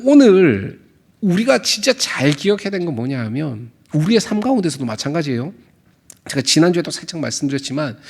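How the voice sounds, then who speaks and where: A man's voice: sits high, gravelly. A young man preaching a sermon to his congregation in a church sanctuary, chatty and playful, joking with listeners and acting out quoted lines. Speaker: pastor.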